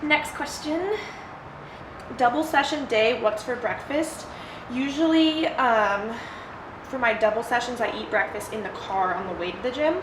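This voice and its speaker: A woman's voice: on the high side, unhurried. A young adult woman chatting informally and bluntly as she answers viewer questions in a solo vlog. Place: ice bath, sheltered outdoors or open to rain. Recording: roomy echo with clear background noise.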